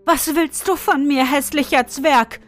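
A furious market mother from a read-aloud fairy tale, put on by a woman narrator. She scolds in a high, raised voice. A faint bed of music plays underneath. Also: slow pace. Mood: angry. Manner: scolding, shrill.

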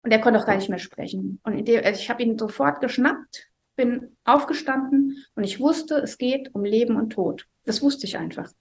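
Earnest German-speaking mother, fairly high voice. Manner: earnest, halting, often drops to a hushed voice. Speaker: mother telling her story as a guest. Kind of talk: emotional personal storytelling.

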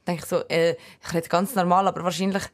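A woman's voice: fairly low pitch, flat delivery, fast. A young woman with a Swiss German accent, co-hosting a podcast in casual chat, rambling and laughing often. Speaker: podcast co-host. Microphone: podcast studio microphone.

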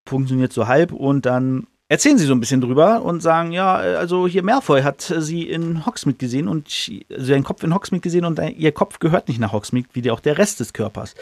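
A man's voice: medium pitch, a little mellow, dry recording. A man hosting a podcast, casually retelling a book chapter in a loose, colloquial way with slangy asides, now and then briefly mimicking the characters. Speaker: podcast host.

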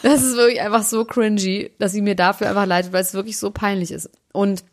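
A woman co-hosting a casual chat, gossiping in a lively, chatty way. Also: medium pitch, fast talker. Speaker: podcast co-host.

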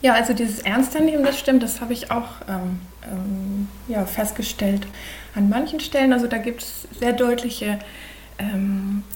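A woman in her forties from Germany, a podcast guest, talking thoughtfully with many pauses and fillers. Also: a little high, a little mellow, a little hiss or hum. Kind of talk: conversational podcast interview.

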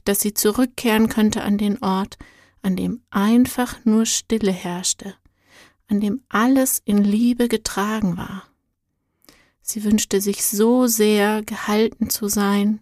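Sanfte, langsame Märchenerzählerin. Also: female voice, mid-range voice, no echo, clean studio sound. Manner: soft, calm, often half-whispered telling. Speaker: storyteller. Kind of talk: scripted narration of a spiritual children's story.

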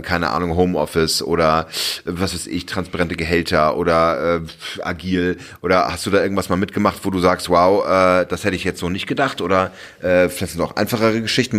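A man's voice: low voice, a bit bright. A man hosting a podcast interview, asking long rambling questions full of fillers. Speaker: podcast host.

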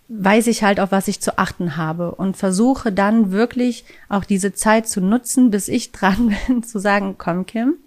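A woman talking in a casual, reflective monologue as a self-help podcast host, chatty, with many fillers and tag questions. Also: mid-range voice.

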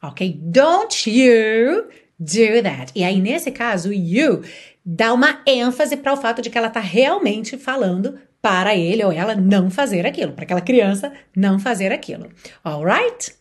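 Lively teacher woman. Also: medium pitch, a little fast, breathy edge. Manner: lively, explanatory, switching into English examples. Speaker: English teacher. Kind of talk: podcast English lesson.

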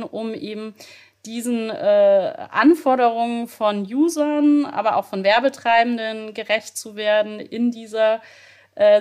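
A woman hosting a podcast interview, summing up and asking quick questions in an upbeat way, with frequent filler sounds. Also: medium pitch. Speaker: podcast host.

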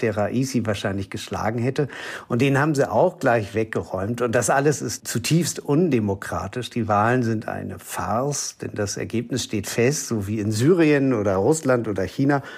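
A man speaks as an expert guest on a news podcast. His voice is a bit husky. He explains in a measured way and pauses with small hesitations. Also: medium pitch, a little mellow. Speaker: correspondent guest. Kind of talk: expert commentary in an interview.

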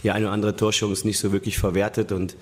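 A man's voice: lowish voice, little pitch movement, quick pace. A man giving a matter-of-fact, slightly hesitant post-match football interview.

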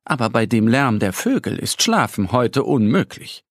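A man narrating a children's audio story in a gentle storytelling manner with a husky voice. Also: mid-range voice, sing-song, moderate pace, no room sound, clean studio sound.

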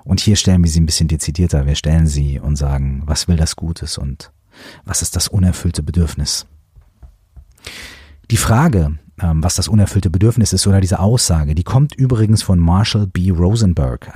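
A man hosting a coaching podcast, talking in a gentle, musing way with many fillers. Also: deep voice, slightly rough, no echo, studio quality. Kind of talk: reflective podcast monologue.

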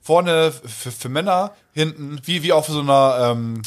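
A man co-hosting a podcast, telling a story in casual chat with loud exclamations. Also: a little high, a little slow. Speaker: podcast co-host.

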